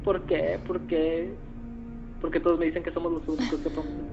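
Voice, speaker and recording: A man's voice: a little high, little pitch movement, a little fast, vocal fry. A man giving joking, playful commentary over a video game, breaking into panicked yelps and squeals. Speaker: let's play gamer. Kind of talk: casual gameplay commentary. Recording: dull lo-fi recording over game music.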